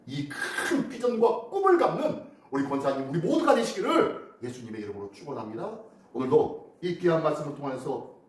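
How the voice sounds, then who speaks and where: A man's voice: high-pitched, reverberant, recorded from a distance. A man pastor preaching a dawn devotional, asking rhetorical questions with an emphatic preaching cadence, then leading a prayer.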